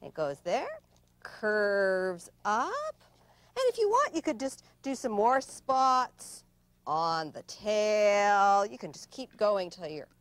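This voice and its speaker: Slow, gentle woman hosting a kids' craft show. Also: medium pitch, sing-song, dry recording. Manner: slow, gentle step-by-step instruction. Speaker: children's craft show host. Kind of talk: craft demonstration for children.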